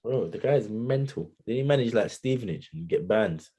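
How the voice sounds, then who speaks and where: Co-host, very deep dark voice, emphatic banter. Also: male voice, animated, normal speed, husky. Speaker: podcast co-host. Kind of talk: casual chat.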